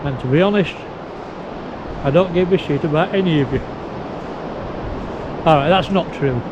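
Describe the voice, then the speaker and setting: A man's voice: fairly high pitch, moderate pace. A man vlogging casually outdoors on a windy beach, his speech impeded by a sore mouth and new teeth, as if he has toothache. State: sore mouth, in pain after tooth extraction. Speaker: video blogger. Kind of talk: casual outdoor vlog, talking to camera. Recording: windy, noisy, muffled outdoor audio.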